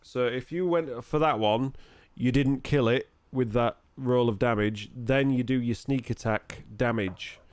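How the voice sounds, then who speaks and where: A man's voice: medium pitch, unhurried, few pauses, no room sound. A man running a tabletop game as game master, explaining rules in a blunt, bantering, casual way.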